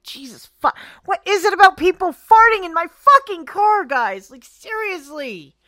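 A young adult woman co-hosts a casual show, bluntly recounting her rideshare driving stories with profanity and exasperation. Her mid-range voice is a bit bright, and the studio-quality recording has no echo.

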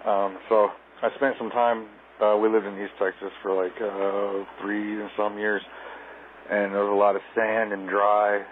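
A man leaving a relaxed, rambling voicemail over a landline phone. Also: lowish voice, unhurried. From Southeast Kansas. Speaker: caller. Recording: tinny landline voicemail, faint noise.

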